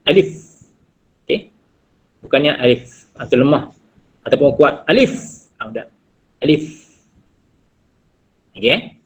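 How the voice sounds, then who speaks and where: A man with a Malaysian Malay accent teaching an online class on Quran recitation, patiently repeating each letter slowly to show its sound. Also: on the high side, breathy edge. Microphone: video call. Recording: dull lo-fi video call audio.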